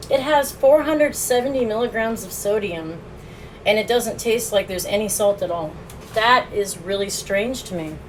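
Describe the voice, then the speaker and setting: A woman's voice: mid-range voice, lively intonation, normal speed, a little hiss or hum, rough recording. A woman streaming a casual food review, chatting with her viewers and laughing often as she eats, recorded on a phone. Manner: chatty, laughs often, talks while eating.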